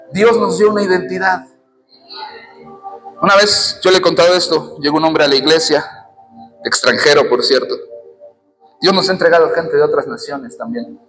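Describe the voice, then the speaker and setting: Mexican pastor guy preaching all fired up, high voice, music going behind him. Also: poor audio. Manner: fiery, humorous preaching, addresses congregation as hermano. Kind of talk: sermon. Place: church.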